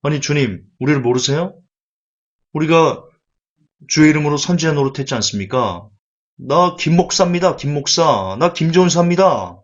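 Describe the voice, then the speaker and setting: A man's voice: on the high side, expressive, normal speed, lo-fi sound, voice pushed up. A man voicing a boastful male churchgoer who pleads and brags in a raised voice.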